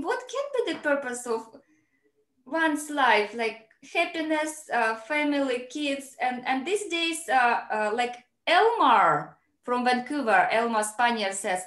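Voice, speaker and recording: Chatty woman host, fairly high voice, echoey room, laptop mic. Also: fairly bright tone. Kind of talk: casual online interview. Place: home room, video call. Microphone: laptop mic on video call. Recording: roomy echo.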